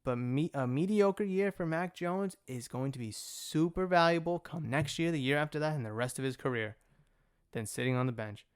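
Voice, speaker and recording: A young man talks sports on his own podcast, with a smooth, clear voice pitched a little high. He rambles through his opinions, trips over words and fixes them as he goes. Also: normal speed. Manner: opinionated, rambling, self-correcting. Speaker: podcast host. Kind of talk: solo sports talk podcast.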